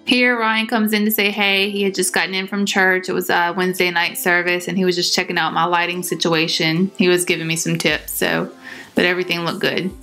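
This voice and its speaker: Young woman, vlogger voice-over: relaxed, chatty, lower and bright, fairly flat pitch. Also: a little fast. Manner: chatty, relaxed, with frequent ums. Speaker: cleaning vlogger. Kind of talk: casual voice-over narration. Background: soft pop music.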